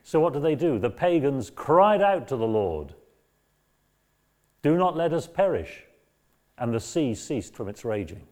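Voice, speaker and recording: A man giving a lecture on a Bible book, reading passages aloud and explaining them in a measured way. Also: medium pitch, mellow. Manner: measured, explanatory, raises voice when quoting. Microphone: battery-powered mic.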